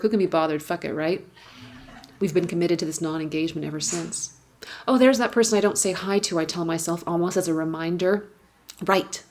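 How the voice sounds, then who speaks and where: A woman, reading her own personal essay aloud on stage, wry and candid, with swearing and emphatic repetitions. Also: fairly low pitch. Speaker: writer reading her work at an awards gala. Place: stage at a gala event.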